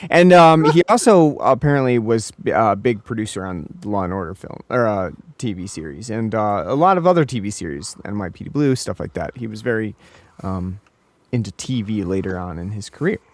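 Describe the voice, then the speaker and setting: A man's voice: lowish voice, expressive, a little fast, no echo. A man co-hosting a podcast, chatting casually about a film, rambling with many restarts and fillers. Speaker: podcast co-host.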